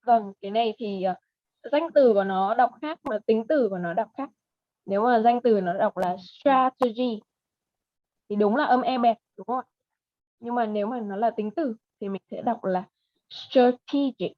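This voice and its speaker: Vietnamese lady teaching english sounds online, slow and patient, dull dry call audio. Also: fairly high pitch, no room sound. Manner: patient, models words slowly and repeats them. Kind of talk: online one-on-one lesson.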